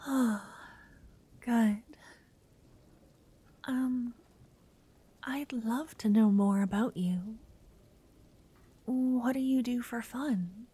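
Woman doing a nervous young noble lady, all hushed whispers, slow and warm. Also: on the high side, slightly rough, exaggerated voice. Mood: nervous whispering. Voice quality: soft whisper. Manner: hesitant, stammering. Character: shy, nervous young noblewoman meeting her betrothed. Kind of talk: whispered ASMR roleplay.

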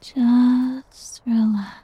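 A woman voicing a doting, possessive slime creature in an ASMR roleplay, whispering softly and teasingly. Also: a little high, steady tone, extremely slow, no echo, heavily acted. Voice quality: breathy. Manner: soft whispering, teasing and coaxing. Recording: dull lo-fi audio.

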